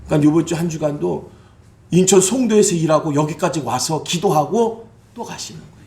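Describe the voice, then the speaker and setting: A male pastor preaching a Sunday sermon, moving from low, confiding asides to shouted exclamations. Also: brisk.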